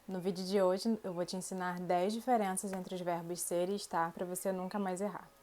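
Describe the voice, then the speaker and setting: A Brazilian woman with a Brazilian Portuguese accent, a Portuguese teacher giving a language lesson to camera, speaking clearly and slowly through spoken examples. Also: on the low side, steady tone, noisy background.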